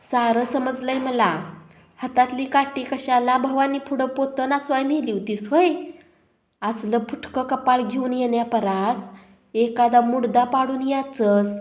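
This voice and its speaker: A woman's voice: a little high, a little mellow, voice pushed up. A woman voicing a harsh old village father who scolds his son in rustic dialect.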